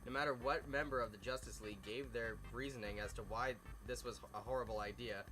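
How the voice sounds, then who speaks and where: Reading fan fiction aloud outdoors beside a night fire, a male host talks fast at a medium pitch with fairly even intonation. He stumbles over words and throws in joking asides while music plays in the background.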